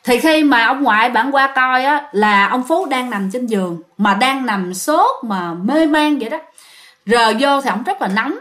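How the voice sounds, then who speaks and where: A woman's voice: sits high, lively intonation, measured pace, fairly bright tone. A woman with a Southern Vietnamese accent telling a ghost story, chatty and talking straight to her listeners. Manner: chatty, addressing listeners directly.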